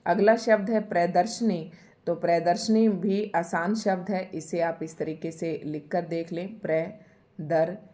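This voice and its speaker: A woman's voice: on the low side, steady tone, a little slow, mellow. A woman teaching a Hindi spelling lesson for exam preparation. She explains patiently and says each word again and again to stress how it is spelled.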